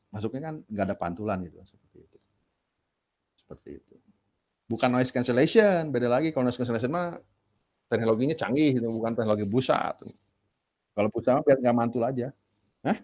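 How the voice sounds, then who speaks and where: Talking fast in a mid-range voice, a male university lecturer delivers a relaxed, conversational lecture, explaining with rhetorical questions. The recording from the classroom is dull and lo-fi.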